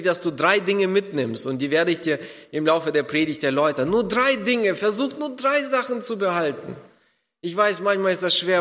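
A man with a high voice preaches a sermon in a church hall. He stresses and repeats key words and acts out the doubts of his listeners. A long reverb trails after his words. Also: a bit bright.

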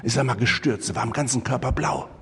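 A man's voice: mid-range voice, fairly even intonation, a little fast, creaky, a bit bright, husky, long reverb tail. An older man preaching a sermon, telling a personal story full of quoted dialogue and fillers.

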